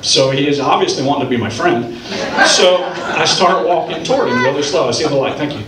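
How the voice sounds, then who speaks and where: A man from Ohio doing a stand-up comedy set, telling stories with punchlines in an animated way. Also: a little high, a little fast, echoey room, recorded from a distance, over a noisy crowd, poor audio. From Ohio, United States. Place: comedy club stage.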